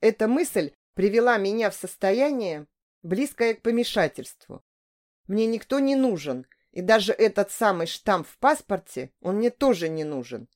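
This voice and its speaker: A woman's voice: medium pitch, sing-song, moderate pace, a little mellow. Woman narrating a first-person audiobook.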